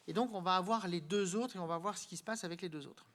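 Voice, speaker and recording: A man giving a live art history lecture, explaining to his audience directly, halting and searching for words with frequent repeats. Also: high voice, a bit bright.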